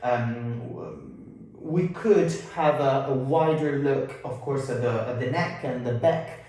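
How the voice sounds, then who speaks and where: A man explaining as a clinician in a halting, informal way, slightly muffled through a face mask. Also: mid-range voice, darkish tone. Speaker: consultant osteopath and physiotherapist. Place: indoor room at a clinic. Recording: very echoey room, distant mic.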